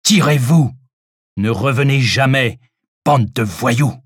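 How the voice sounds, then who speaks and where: Man reading as a paranoid recluse barking warnings, raised and higher than the narration, dry sound. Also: slow, husky, dry recording. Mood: hostile. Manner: shouting warnings through a door. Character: frightened reclusive male singer, hostile and threatening.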